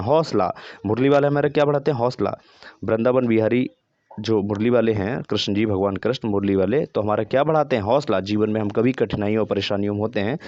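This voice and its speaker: A man's voice: medium pitch, darkish tone, no room sound. A man teaching a vocabulary lesson, often repeating words and spelling them out letter by letter. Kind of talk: vocabulary lesson with memory tricks. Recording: dry, dull lo-fi sound.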